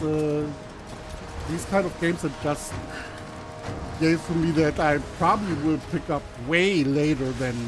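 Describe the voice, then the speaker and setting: A man streaming a game with casual, hesitant, laid-back live commentary. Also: fairly high pitch. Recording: game music behind voice. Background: game soundtrack.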